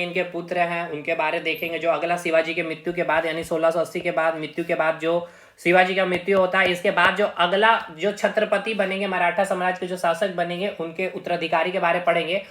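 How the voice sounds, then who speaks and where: Bright-voiced male teacher in an echoey room. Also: high voice. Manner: repetitive, drills terms, tags lines with "okay" and "brother". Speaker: exam-prep teacher. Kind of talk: classroom-style lecture for exam students. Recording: echoey room with faint noise.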